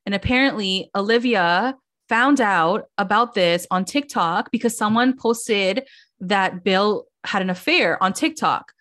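A young woman hosting a podcast, chatting casually in a slangy, animated way. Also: medium pitch, measured pace, no room sound, studio quality. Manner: animated, slangy, acts out quotes. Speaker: podcast host. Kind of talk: casual chat.

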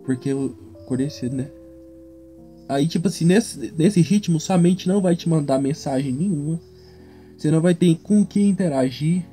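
Man, laid-back drawl, warm mellow tone, pitched a bit high; casual banter. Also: normal speed, soft background music. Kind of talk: casual chat.

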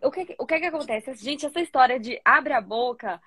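A woman with a high voice talks earnestly in a relaxed group chat, firmly backing up what the others say. The recording sounds close and dry. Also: fairly quick, slightly rough, no echo. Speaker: mother in a group conversation. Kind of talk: casual group conversation.

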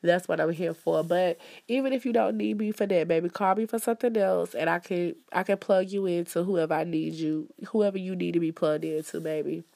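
Woman host, a little low-pitched, nasal and stuffed up, chatty promo delivery. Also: a little fast, vocal fry, mellow. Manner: chatty, upbeat, calls listeners "baby". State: stuffed up with allergies. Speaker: host promoting events and services. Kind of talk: casual promo talk. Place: indoors, in the country.

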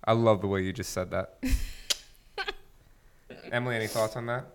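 A man's voice: lowish voice, measured pace, slight background noise. A man co-hosting a casual fitness podcast, joking and upbeat as he leads the segments. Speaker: podcast co-host.

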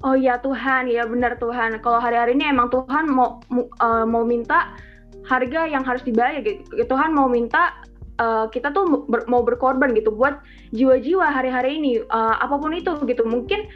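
Teen girl, high voice, earnest chatty church testimony, muffled recording with faint music behind. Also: fairly quick. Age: teens. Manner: earnest, chatty, heavy use of filler tags. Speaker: student giving a testimony. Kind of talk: church testimony, casual storytelling.

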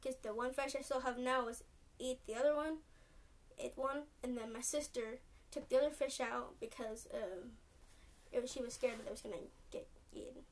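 A woman's voice: sits high, normal speed. Rambling young Californian woman podcaster. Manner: rambling, lots of "like" and "um", restarts often. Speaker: podcast host. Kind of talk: rambling solo podcast chat. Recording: distant mic with faint noise.

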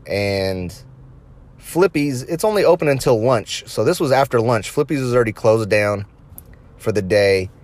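A man of about thirty, late 20s to early 30s, hosts a podcast and tells anecdotes to his listeners in a mid-range voice at normal speed. His intonation is lively, and he swears crudely while laughing at his own stories.

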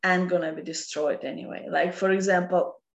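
A woman with a Russian accent explaining philosophical ideas off the cuff in halting non-native English. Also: lowish voice, steady tone, dull audio. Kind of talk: unscripted philosophical explanation in conversation. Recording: roomy, echoing sound.

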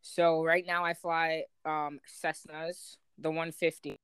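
A woman's voice: low-pitched, flat delivery, slow, clear, resonant tone, dry recording. A young woman in her late teens co-hosting a podcast, laid-back and slangy, laughing often. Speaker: podcast co-host. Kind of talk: casual chat.

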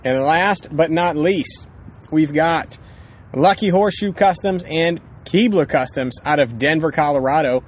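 A man's voice: a little high, a little slow, slight background noise. A man co-hosting a casual podcast outdoors, with profane, informal, upbeat banter and sponsor plugs. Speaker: podcast co-host. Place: outdoors on a ranch. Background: music.

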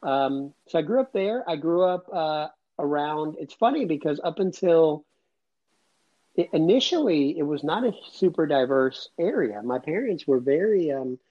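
A man's voice: a little high, lively intonation, moderate pace. A man in his late thirties, a guest on an interview show, telling his story in an earnest, rambling way. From Cuba, raised near Atlanta. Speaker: guest, immigration lawyer. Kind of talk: casual interview chat. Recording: dull lo-fi audio.

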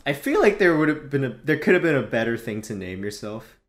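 A man's voice: medium pitch, big pitch swings, fairly quick. Sarcastic young man chatting. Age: young adult. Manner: sarcastic, joking. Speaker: podcast co-host. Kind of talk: casual chat. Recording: clear background noise.

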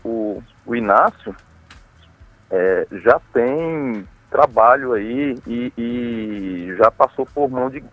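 A man calling in to a radio show over a phone line, halting and often repeating words as he gives praise. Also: medium pitch, no room sound. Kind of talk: casual chat. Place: phoning in from elsewhere. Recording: dry tinny phone line.

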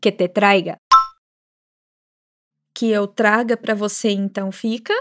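A woman from Minas Gerais with a Brazilian accent, teaching a language lesson with repeat-after-me drills, saying example phrases slowly and carefully between chatty, upbeat asides. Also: mid-range voice, steady tone. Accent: Brazilian Portuguese, Minas Gerais. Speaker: Spanish teacher.

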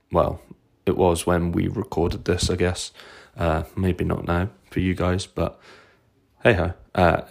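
A man's voice: low voice, vocal fry, a little mellow. A man from England co-hosting a football podcast in casual chat, often stammering and restarting. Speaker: podcast co-host.

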